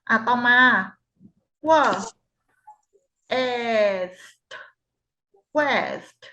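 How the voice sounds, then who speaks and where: A woman with a Thai accent tutoring a child in phonics, sounding out English words slowly and patiently. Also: on the high side, animated, fairly bright tone. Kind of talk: phonics lesson. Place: home tutoring room. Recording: dull lo-fi recording.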